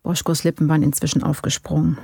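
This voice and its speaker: An audiobook narrator reads a crime story in an even, measured way. The voice has a gravelly grain at mid pitch, and the recording is close and dry. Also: no room sound. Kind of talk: scripted crime-novel narration.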